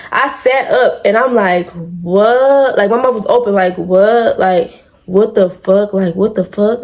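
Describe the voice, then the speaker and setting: A woman who is a mother tells a personal story straight to her viewers, talking animatedly, swearing freely and calling them y'all. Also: on the high side. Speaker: vlogger telling a personal story. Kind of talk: casual storytime.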